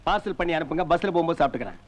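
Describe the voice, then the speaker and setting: An actor playing a sarcastic middle-aged village man who fires off quick mocking retorts in a film comedy scene. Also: fairly high pitch, lively intonation, natural voice. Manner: rapid scolding wisecracks. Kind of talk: 1990s film comedy dialogue.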